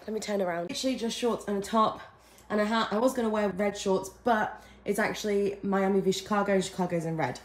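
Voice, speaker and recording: Chatty woman vlogging, gravelly tone. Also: lowish voice. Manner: chatty, upbeat, slightly rushed. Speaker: vlogger, singer. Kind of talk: casual vlog talk to camera. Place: indoor hallway and bedroom. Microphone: phone camera at arm's length. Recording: roomy echo with loud background noise.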